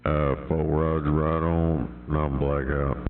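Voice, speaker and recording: A man's voice: extremely low pitch, flat delivery, slow pace. A man making terse calls over a CB radio. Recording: tinny radio transmission, loud static.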